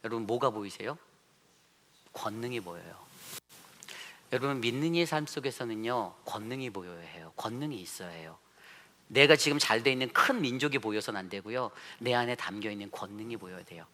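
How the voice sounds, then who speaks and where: A man's voice: medium pitch, lively intonation, brisk, sharp tone. A man preaching a sermon as a pastor, asking his listeners questions and acting out boastful voices as he tells the story.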